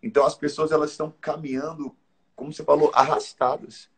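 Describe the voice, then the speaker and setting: A man's voice: on the high side, little pitch movement, quick pace. A man, a pastor, talking in a reflective, emphatic way during a casual conversation.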